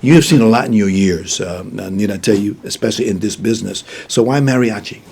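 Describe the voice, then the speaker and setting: A man's voice: fairly low pitch, fast talker, gravelly, darkish tone, husky. A man hosting an interview show, giving formal, effusive introductions and asking questions. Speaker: talk show host. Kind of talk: radio-style interview hosting.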